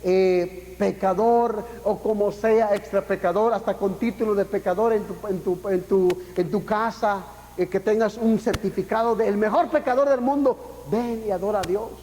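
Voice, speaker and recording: A man's voice: high voice, fairly even intonation, normal speed, warm tone, slight background noise. A man preaching a sermon as pastor, impassioned, with emphatic peaks and rhetorical questions, dropping casual English phrases into his talk. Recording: long echo of a church hall.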